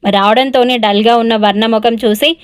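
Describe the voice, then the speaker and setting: A woman with a Telugu accent narrates a romance story in a fairly high voice. She reads every character's lines in her own voice rather than changing it for each role. The recording is close to the mic and dry. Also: fairly even intonation, moderate pace, clean tone, dry recording.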